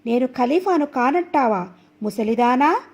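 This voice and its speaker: A woman voicing an angry, deluded young man who shouts orders, believing he is the caliph, in a storybook reading. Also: sits high, expressive, a little slow. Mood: furious. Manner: shouting, abusive, commanding.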